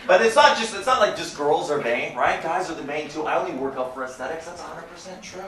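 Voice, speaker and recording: A man's voice: fairly high pitch, quick pace, far from the mic, slight background noise. A man performing a crude, brash stand-up comedy set on a club stage. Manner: brash, crude, animated storytelling. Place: comedy club stage before a live audience. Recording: roomy club sound from off-mic, loud crowd laughter.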